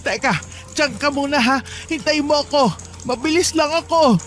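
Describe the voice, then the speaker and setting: A man voicing a caring older woman, a soon-to-be grandmother, who soothes and reassures in a soft motherly way. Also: high-pitched, animated, measured pace, faint music behind. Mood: worried. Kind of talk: storytelling narration.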